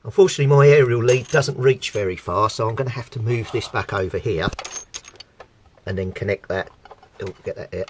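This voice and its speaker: A middle-aged British CB radio hobbyist presents an informal, plain-spoken, hands-on tutorial. His voice sits on the low side and moves fairly quickly, and the amateur home recording is clearly noisy.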